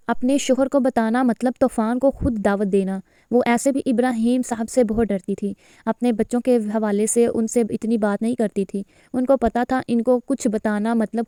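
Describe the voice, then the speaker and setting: A woman reading a romantic novel aloud in steady storytelling narration. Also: on the high side, clean tone, dry recording, clean studio sound. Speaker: novel reader.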